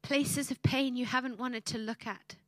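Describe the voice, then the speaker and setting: High-voiced woman preaching. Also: steady tone, moderate pace, fairly bright tone, no echo. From South Africa. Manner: heartfelt, emotional storytelling. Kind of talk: sermon.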